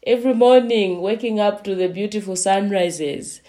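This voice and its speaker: A woman from Zambia, a lodge manager, talking slowly with many pauses as a guest in a remote interview. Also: medium pitch, mellow. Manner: slow, unhurried, with frequent pauses.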